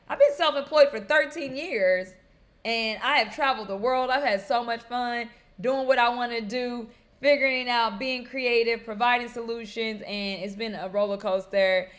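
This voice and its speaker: A middle-aged woman hosting a casual news livestream, chatty and laughing, rising into loud excited rants. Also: a little high. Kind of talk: casual live-stream commentary.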